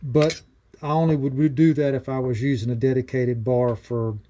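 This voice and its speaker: A man's voice: medium pitch, level tone, moderate pace, mellow, dull audio. A middle-aged man explaining a homemade build in a casual workshop how-to, plainspoken with many fillers. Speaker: DIY maker showing a build. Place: cluttered home workshop.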